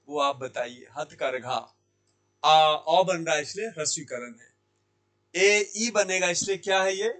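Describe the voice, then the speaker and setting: A male Hindi teacher giving a grammar lesson, his voice sitting a bit higher than most men's. He keeps asking the class a question and then answering it himself, and he says each key word slowly, more than once. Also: a bit bright. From India. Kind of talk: classroom lesson explaining sandhi. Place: Jaipur language institute.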